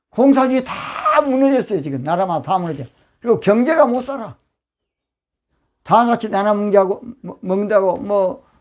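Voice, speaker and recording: An older man, a pastor from Yeosu with a Jeolla accent, preaching a fiery, emphatic sermon that breaks into sudden loud outbursts. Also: sits high. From Yeosu, Jeolla province, South Korea.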